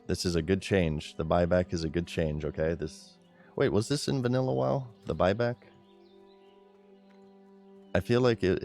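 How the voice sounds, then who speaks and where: Deep-voiced man streaming a game. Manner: excitable, chatty, talks to his chat. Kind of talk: live gameplay commentary.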